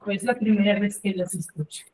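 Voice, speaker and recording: A woman teacher giving an online class, explaining step by step and often checking with quick tag questions. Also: medium pitch, steady tone, darkish tone. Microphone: video call.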